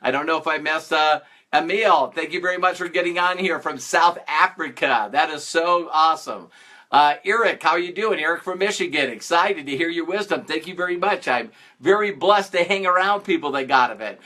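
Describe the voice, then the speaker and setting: An upbeat man hosts a casual live stream, speaking as a motivational speaker. His voice is fairly high and notably bright. He greets viewers one by one and drives points home with playful mock sarcasm. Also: a little fast.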